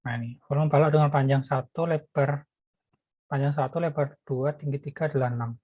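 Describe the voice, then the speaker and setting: A programming lecturer thinks aloud while typing code in a live coding lecture, often stopping to restart a phrase. His voice is medium-pitched, briskly paced, and fairly even in intonation. The sound is dull and close with no room echo, like a computer mic.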